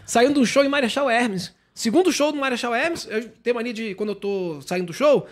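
High-voiced fast-talking Brazilian man. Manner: animated, joking, acts out voices in his stories. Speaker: comedian. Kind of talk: casual podcast chat, storytelling.

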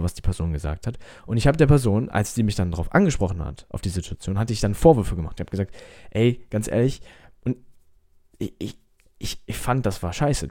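A man's voice: lowish voice, dark tone, no room sound, clean studio sound. A man speaking as a self-help coach with an American-tinged accent in his German, giving an emphatic, repetitive motivational talk straight to the listener. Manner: emphatic, repeats himself, direct address.

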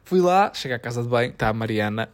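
A man with a European Portuguese accent, telling a story in lively casual chat and arguing back. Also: medium pitch, quick pace. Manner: animated storytelling, argues back.

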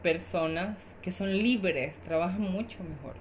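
A woman's voice: fairly low pitch, unhurried, a little hiss or hum. A woman guest on a podcast, speaking emphatically and often agreeing with the host, stacking up repeated phrases. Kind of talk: casual podcast conversation.

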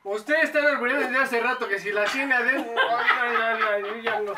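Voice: medium pitch, fairly quick, pushed and bright, echoey room, distant mic, a little hiss or hum. A studio guest speaking hesitantly and chuckling in a casual chat.

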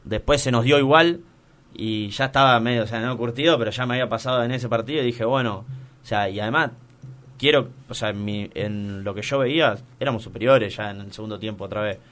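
A young man with an Argentine accent tells the story of a football final in a relaxed, chatty way. His voice sits at an ordinary pitch, and he keeps restarting his sentences as he relives the moment. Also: a little fast. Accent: Argentine Spanish. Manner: animated storytelling with many restarts. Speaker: guest recounting attending a football final. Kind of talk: casual chat.

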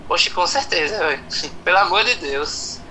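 A man's voice: high-pitched, animated, moderate pace, a loud crowd, low-quality recording. A man with a Brazilian Northeastern accent chatting casually, slangy and often repeating himself. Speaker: musical performer being chatted with. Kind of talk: casual chat. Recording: faint background noise.

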